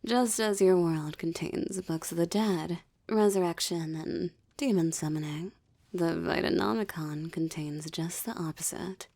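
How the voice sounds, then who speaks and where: Acting as a seductive demoness, a woman gloats over a captive in an intimate roleplay drama, her mood smug and theatrical. She talks slowly in a dark, mellow, lowish voice edged with gravelly creak. Her haughty, teasing delivery keeps slipping into breathy whispers.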